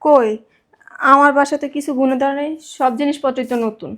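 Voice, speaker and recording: Woman, fast protesting sister in a village drama. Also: high-pitched, steady tone. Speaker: sister in a family skit. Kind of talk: Bangladeshi village drama acting.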